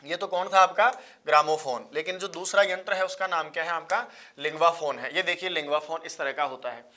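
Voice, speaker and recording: A man's voice: fairly high pitch, brisk, bright, forceful tone. A man teaching an exam-prep lecture, repeating key points and calling his listeners brother and sir. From India. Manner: repetitive, drilling key points, addresses listeners as bhaiya and sahab.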